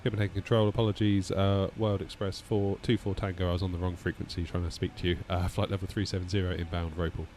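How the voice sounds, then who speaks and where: A man talking into a cockpit headset mic as a simulator pilot, reading back radio calls in clipped, calm aviation phrasing. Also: deep voice, fast talker, hardly any pauses, slight background noise. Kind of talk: pilot radio calls and casual streaming chat.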